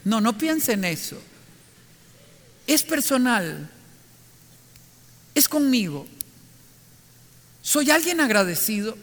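A man's voice: very high voice, very animated, takes it slowly, pauses often, a bit bright, in a large hall. A middle-aged man preaching a sermon in an earnest, reflective way, putting direct questions to his listeners.

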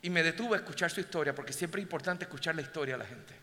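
A male pastor telling a story in a sermon, moving between hushed passages and loud exhortation. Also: fairly high pitch, very fast. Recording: long hall reverb, faint ambience.

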